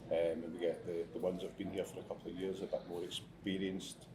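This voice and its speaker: Sitting low in pitch and moving at a quick pace, a Scottish man talks plainly and steadily in a casual restaurant interview, with some restarts. He's a chef who teaches students, and background noise is audible.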